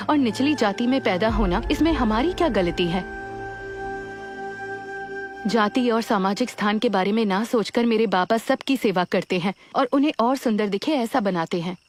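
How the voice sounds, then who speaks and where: A woman's voice: medium pitch, lightly acted. An actress dubbing a defiant young woman who speaks firmly and with passion, over film music. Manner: firm, impassioned. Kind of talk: Hindi film dub. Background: film score.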